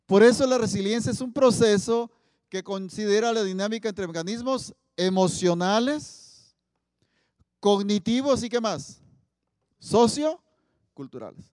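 Guy preaching, high voice, lots of questions to the crowd, hall echo. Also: unhurried, long pauses, clean studio sound. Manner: asks the audience many questions, loud emphatic Bible quotes. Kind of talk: sermon. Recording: long hall reverb.

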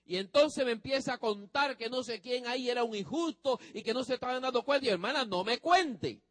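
High-voiced man preaching emphatically. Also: fast talker, no room sound. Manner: emphatic preaching, addresses the congregation directly. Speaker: pastor. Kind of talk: sermon.

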